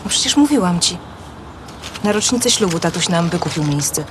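A woman in her thirties, played by an actress, an earnest and suspicious wife with a fairly low voice. The film-drama delivery is natural, with faint noise behind. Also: animated, moderate pace, lightly acted. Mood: matter-of-fact.

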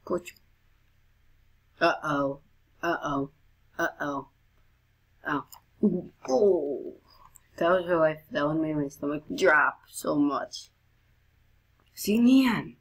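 A woman giving chatty let's play commentary while gaming, now and then breaking into high excited squeals. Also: slow, long pauses. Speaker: gamer.

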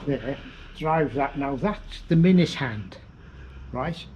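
A man's voice: mid-range voice, lively intonation, slow, a little mellow, a little hiss or hum. An older man with a Northern English accent, guiding a visitor around a church clock tower and explaining it plainly, recorded on a moving camera inside a stone tower. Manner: plain, matter-of-fact explaining, sounds out chimes. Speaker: church clock expert guide. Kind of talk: explaining on a walking tour. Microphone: handheld camera mic, moving. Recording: dull lo-fi camera audio.

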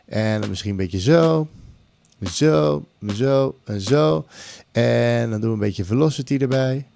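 Speaking a little slowly in a gravelly, mellow, medium-pitched voice, a middle-aged man gives an informal screen-recorded music production tutorial with English phrases mixed in. He's close to a large condenser mic on a boom arm in a small home room; there's a bit of hiss or hum and music loops in the background.

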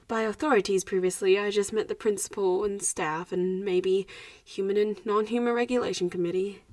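In a roleplay audio drama, a woman voices a young vampire schoolgirl who is teasing and haughty but protective. She phrases things deliberately and sighs, in a slightly high, somewhat mellow voice captured in a dry recording.

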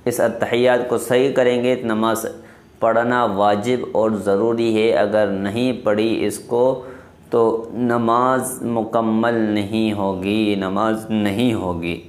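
A male religious teacher giving a recitation lesson, slowing way down to chant each phrase and then explaining quickly. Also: on the low side, level tone, roomy sound. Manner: slow drawn-out recitation between quick explanations.

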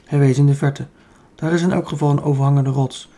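Man, Dutch accent, audiobook reader, husky dark voice, slightly high pitch. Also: fairly even intonation, a little fast. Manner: reads with small slips and self-corrections. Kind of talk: reading a children's book aloud.

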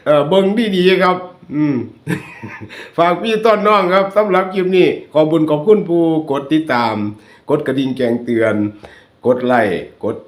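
A man with a Northeastern Thai Isan accent hosts his YouTube channel, offering casual commentary over photos. His voice is a little high and animated, moving at a moderate pace, and he chats and jokes with viewers, calling them brothers and sisters. The recording has a roomy echo.

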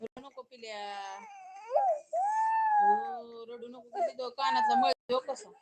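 A woman's voice: very high voice, sing-song, takes it slowly, creaky, heavy background noise. A woman on a casual home live stream, coaxing and scolding a crying child. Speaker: vlogger.

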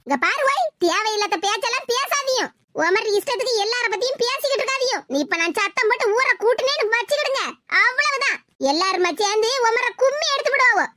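A woman's voice: very high-pitched, lively intonation, quick pace, bright, forceful tone, slight background noise, heavily acted. A woman voicing a bold village woman with a Tirunelveli accent, defying and threatening a man in a cartoon. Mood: defiant. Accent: Tirunelveli Tamil. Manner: defiant, threatening. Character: bold village woman defending a runaway girl.

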